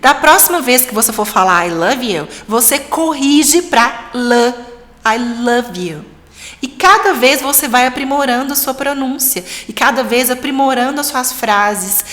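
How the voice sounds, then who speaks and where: A woman in her thirties with a Brazilian Portuguese accent, teaching a live-streamed lesson for parents in a lively, encouraging way. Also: high voice, unhurried. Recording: long reverb.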